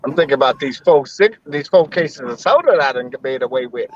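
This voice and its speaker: A man's voice: medium pitch, lively intonation, brisk, highs cut off, a little hiss or hum. An American man chatting and joking crudely while driving, heard as the vlogger behind the camera. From United States. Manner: crude, joking banter with laughs. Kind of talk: casual chat while driving. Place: in a car.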